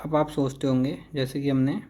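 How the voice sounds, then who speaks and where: A man's voice: medium pitch, flat delivery, normal speed, warm tone. A man teaching an English vocabulary lesson, repeating each word several times to drill the pronunciation.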